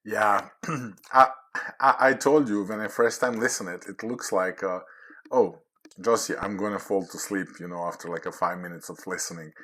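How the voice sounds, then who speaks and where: A man in his forties from Croatia, chatting casually as a podcast guest in halting English with many fillers. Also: on the low side, steady tone, bright, forceful tone. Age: 40s. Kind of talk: casual chat.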